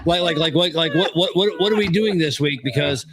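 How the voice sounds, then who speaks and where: Man, fairly high voice, podcast co-host, casual chat, stammers and restarts. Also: normal speed, fairly bright tone. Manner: stammering, restarts lines, mocks others' voices.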